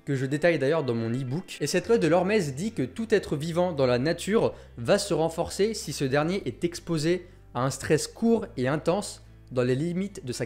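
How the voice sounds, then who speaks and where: A health YouTuber hosts his video in an energetic monologue, speaking directly and enthusiastically to viewers. His voice is a little high with a somewhat dark tone.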